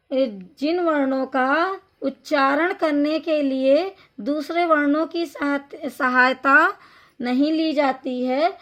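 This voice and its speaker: A woman's voice: sits high, a bit bright. A woman teacher giving a Hindi grammar lesson, patiently repeating each point and addressing the listener as a child.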